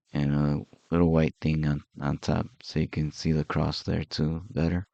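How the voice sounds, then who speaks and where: A man's voice: a bass voice, flat delivery, a little slow, vocal fry, dark tone, dry recording, muffled recording. A man streamer chatting casually and rambling while he draws and plays games, chuckling often. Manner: rambling and easygoing, with frequent chuckles.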